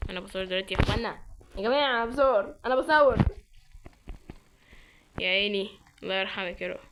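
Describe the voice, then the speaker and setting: A young woman with an Egyptian Arabic accent giving casual, excitable commentary while playing a game with friends. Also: medium pitch, quick pace, noisy background. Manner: excitable, exclaiming and reacting loudly. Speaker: gaming channel host.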